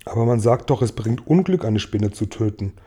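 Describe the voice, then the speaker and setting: A man's voice: fairly low pitch, expressive, moderate pace, dark tone, husky. A man voicing a sad, tidy female spider who sighs over being unloved, in an audiobook reading. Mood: mournful. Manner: sighing and mournful.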